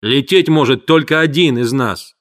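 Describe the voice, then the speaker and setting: A man's voice: mid-range voice, normal speed, a bit bright, natural voice. A man voicing a stern but tender father in an audiobook reading. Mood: firm. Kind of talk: audiobook character voice.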